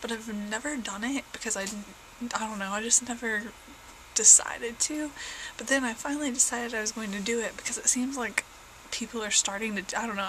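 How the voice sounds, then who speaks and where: This young adult woman, a vlogger at home from southern Indiana, chats casually and rambles in her regional accent, sounding slightly congested. Her voice is a little high and a bit bright, full of fillers and self-corrections. The audio is poor, with a little hiss or hum.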